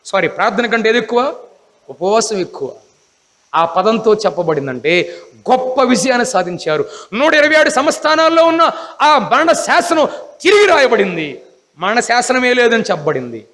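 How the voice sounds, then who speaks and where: A man's voice: extremely high pitch, big pitch swings, normal speed, fairly bright tone, long reverb tail. A man preaching a Bible class sermon, emphatic, often asking the congregation rhetorical questions.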